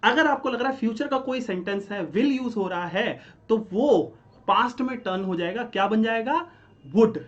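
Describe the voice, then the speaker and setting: A man's voice: sits high, animated, normal speed, highs cut off. A man teaching English grammar, asking a question and then answering it himself. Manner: explains step by step, asks and answers his own questions; keeps checking in with "ठीक है?". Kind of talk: classroom-style grammar lesson.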